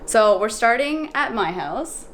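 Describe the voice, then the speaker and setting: A woman's voice: a little high, sing-song, unhurried, a little hiss or hum. A young woman from Canada co-hosting a casual vlog, joking and laughing often. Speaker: vlog co-host. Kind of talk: casual chat.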